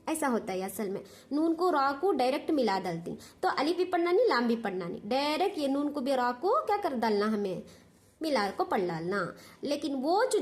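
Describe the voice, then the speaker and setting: A woman with a high voice and a Hyderabadi Urdu accent teaches Quran recitation. She explains step by step, patient and repetitive, and keeps checking that her students follow. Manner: patient, repetitive, asks "understood?".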